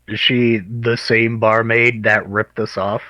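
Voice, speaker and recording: Bright-voiced wisecracking man at a game. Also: on the low side, level tone, takes it slowly, no room sound. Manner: wisecracking, heckling. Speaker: tabletop game player. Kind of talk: casual joking game chat.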